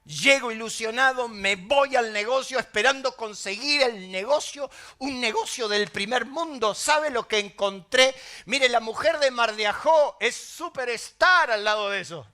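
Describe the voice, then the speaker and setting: A middle-aged Argentine man preaching a sermon as pastor, telling stories in an animated way with emphatic exclamations. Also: extremely high pitch, measured pace, hardly any pauses. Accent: Argentine Spanish.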